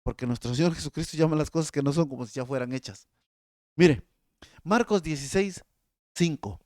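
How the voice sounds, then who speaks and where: Mexican pastor preaching, kinda high voice, dry close sound, drags words out for emphasis. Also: male voice, expressive, darkish tone, dry recording. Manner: emphatic, slows and swings pitch for emphasis. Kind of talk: sermon.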